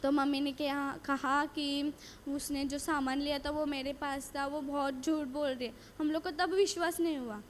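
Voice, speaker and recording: A woman with a high, light voice shares a personal faith testimony. She tells it earnestly, doubling back on phrases and voicing each exchange of dialogue as she goes. A faint hiss of noise sits under her voice. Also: little pitch movement, moderate pace. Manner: earnest storytelling, repeating phrases and quoting dialogue. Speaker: retreat speaker giving testimony.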